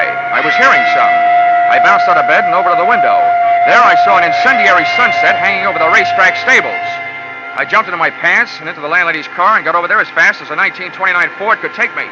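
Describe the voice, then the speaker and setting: A fast-talking man with a high-pitched, expressive voice narrates and stars as an insurance investigator in an old radio drama. He's dry, wisecracking and hard-boiled. The sound is a dull, lo-fi old radio broadcast with music.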